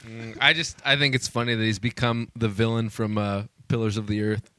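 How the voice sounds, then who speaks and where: A man hosting a casual podcast, relaxed and wry, telling showbiz news stories to his co-hosts. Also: fairly low pitch, fairly quick.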